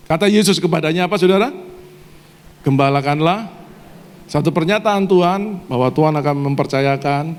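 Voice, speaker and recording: A man's voice: a little high, darkish tone. A male pastor preaching a sermon to a live congregation, often quizzing them with questions they answer aloud. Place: church service hall. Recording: reverberant church hall.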